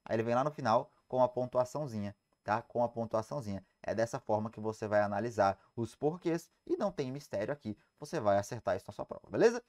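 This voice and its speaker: A man's voice: medium pitch, animated, quick pace, few pauses, a little mellow. A man with a Brazilian Portuguese accent teaching grammar in an online exam-prep lecture, emphatic and asking and answering his own questions.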